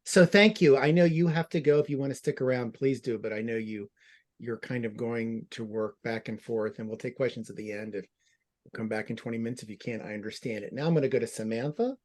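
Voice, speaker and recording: A man's voice: medium pitch, fairly quick, darkish tone. A man moderating a panel discussion, prompting guests with friendly questions and frequent restarts.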